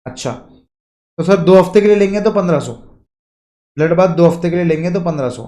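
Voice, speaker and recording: High-voiced male exam tutor. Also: mellow, roomy sound. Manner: explains step by step, repeats key lines, asks students questions; reads English lines slowly and stretched out. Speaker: teacher. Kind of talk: exam coaching lecture.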